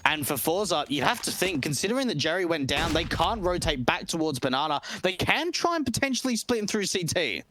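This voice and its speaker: A man offering analysis between plays of a live esports match, his slightly raised voice chatty and animated. He sometimes stumbles and restarts a thought, with faint noise behind him. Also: a little high, fairly quick, hardly any pauses. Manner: conversational, animated, hesitant restarts. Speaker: esports color commentator. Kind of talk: analytical commentary.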